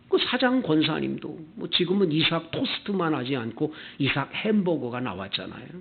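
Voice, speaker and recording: A man preaching a Sunday sermon as pastor, animated and acting out the people in his stories. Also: mid-range voice, vocal fry. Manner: animated preaching, acting out quoted customers in character. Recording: tinny, phone-like church video audio.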